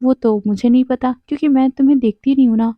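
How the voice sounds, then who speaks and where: A woman's voice: high-pitched, steady tone, fast talker, no echo, lo-fi sound, natural voice. A woman voicing a sassy, teasing flower goddess.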